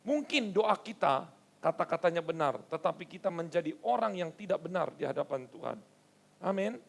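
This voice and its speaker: Male preacher, lively sermon delivery with rhetorical questions; gravelly tone. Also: fairly high pitch, moderate pace. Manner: animated storytelling with acted quotes and rhetorical questions. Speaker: pastor.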